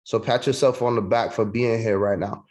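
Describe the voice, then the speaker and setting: A man from Puerto Rico, raised in NYC, talks his video-call audience through sales training, keeping it laid-back and slangy and tossing out "man" and "bro." His lowish voice stays steady and a little mellow, moving at a moderate pace.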